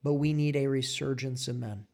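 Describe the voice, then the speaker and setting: A man preaching a fiery sermon, exhorting forcefully with repeated phrases and rising emphatic peaks. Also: mid-range voice, fairly even intonation, normal speed.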